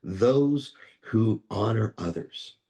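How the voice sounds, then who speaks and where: A man who is a rabbi, telling a parable in a measured way and slowing down for key lines. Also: fairly low pitch, animated, dark tone. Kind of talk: storytelling teaching.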